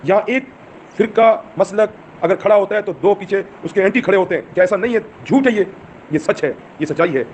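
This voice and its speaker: A man's voice: high-pitched, a little hiss or hum. A man giving an impassioned speech to his followers, urging them on with rhetorical questions. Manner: urgent, exhorting, rhetorical questions. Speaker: movement leader addressing followers.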